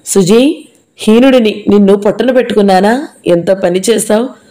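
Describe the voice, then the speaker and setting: A woman's voice: medium pitch, normal speed, mellow, close to an everyday voice. A woman reading an audio novel, voicing a grief-stricken young man who pleads and accuses in a raised, strained voice. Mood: anguished.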